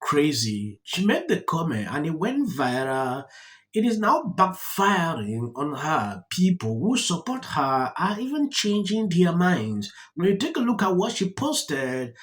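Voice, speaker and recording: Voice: mid-range voice, sing-song, a little slow. A narrator giving dramatic, judgmental news commentary over clips.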